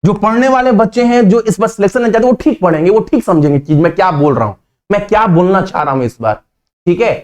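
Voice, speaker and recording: A man's voice: high-pitched, animated, quick pace, darkish tone. A man teaching math on a video channel, talking to students in a casual, direct and coaxing way, repeating points for emphasis. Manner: direct, coaxing, calls viewers "babu" and "bhaiya"; repetitive, emphatic phrasing. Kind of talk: casual YouTube coaching talk.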